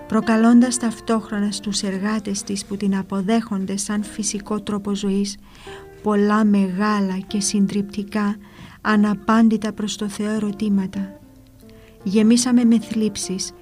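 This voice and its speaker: A woman narrating a religious book in a calm, measured, reverent reading. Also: mid-range voice. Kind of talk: devotional reading over soft guitar. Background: soft guitar music.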